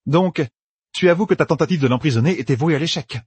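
A man's voice: fairly high pitch, fast, husky, no echo, voice pushed up. A man doing a cool defiant young woman. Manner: cool, questioning, cutting. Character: calm defiant young woman captive, sharp-tongued.

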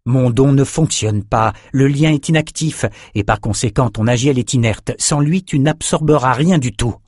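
A man's voice: mid-range voice, normal speed, a little mellow, husky, no room sound, studio quality, natural voice. Earnest young swordsman hero, read by a man. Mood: urgent. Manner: pleading, urgent.

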